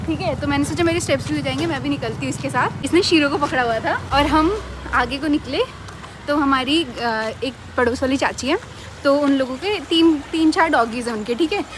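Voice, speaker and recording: High-voiced young woman telling a story. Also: brisk, noisy background. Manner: animated, laughing storyteller. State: hiccuping. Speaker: vlogger. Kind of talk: casual vlog chat. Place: home and neighbourhood street.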